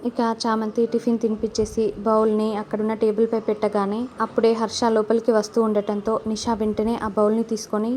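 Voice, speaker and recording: A woman narrating a TV serial recap in a brisk, even reading. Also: on the high side, slight background noise.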